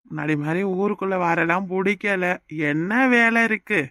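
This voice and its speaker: A man voicing a smooth party fixer. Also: sits high, moderate pace, sharp tone, dry recording, clean studio sound. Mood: persuading. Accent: southern Tamil Nadu rural dialect. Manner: patronizing, persuasive. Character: smooth-talking middle-aged male party fixer. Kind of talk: cartoon voice acting.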